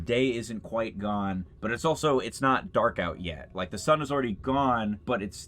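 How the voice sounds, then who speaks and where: A man's voice: mid-range voice, a bit bright. A young man hosting a casual video game commentary, laid-back and nostalgic, chuckling often. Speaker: YouTuber host.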